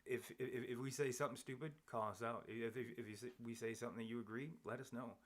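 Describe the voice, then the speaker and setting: Seated across from his co-host in a home studio, a man hosts a live sports podcast. He talks fast in a mid-range voice with fairly even intonation, rambling casually with many fillers and restarts.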